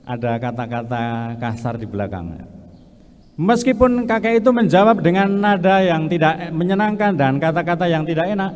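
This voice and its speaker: Priest preaching in an echoing church. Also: male voice, on the high side, lively intonation, moderate pace, a little mellow. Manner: storytelling with playful asides. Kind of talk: sermon with a humorous story. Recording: reverberant church hall.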